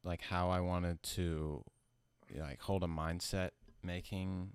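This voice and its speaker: A man who sounds high, talking casually about his music in a rambling, slangy, profane stoner manner. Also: level tone, slow, clean tone, dry recording. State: high from smoking. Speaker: musician being interviewed about own album. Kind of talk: casual chat.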